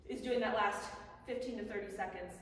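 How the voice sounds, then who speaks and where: A woman's voice: mid-range voice, fairly quick. Woman coaching in a very echoey hall. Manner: casual, conversational explaining. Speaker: boxing coach. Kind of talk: instructional talk on bag drills. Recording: echoey hall, distant mic, faint noise.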